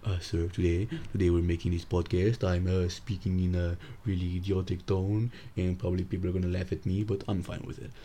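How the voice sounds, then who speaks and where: Young man putting on mock indian english accent, slow, halting, low. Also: little pitch movement, background noise, lightly acted. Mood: mock-formal.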